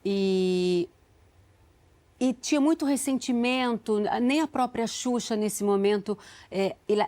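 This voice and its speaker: A woman in her forties appears as a talk show guest, telling a story earnestly and emotionally with frequent restarts. Her voice is medium-pitched and a little mellow.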